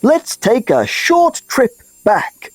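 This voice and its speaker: A woman's voice: fairly high pitch, huge pitch swings, slow, husky, no echo, soft background music. A woman presenting a children's show, telling scripted stories expressively in the manner of a puppet show host.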